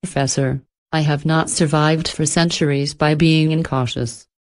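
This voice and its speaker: A poised, cultured ancient entity voiced by a woman speaks in a low, soft, even tone. Every word is measured and unhurried, courteous on the surface but menacing beneath. It belongs to a horror storybook reading. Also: lightly acted. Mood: menacing, amused. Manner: even, measured, softly spoken.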